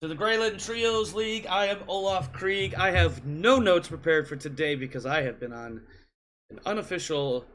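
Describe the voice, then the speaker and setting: Hosting a game league show from his home computer, this man speaks in a fairly bright, higher-than-average voice, with a faint hiss or hum from his desk mic. He chats casually and rambles, tossing in jokes and playful asides.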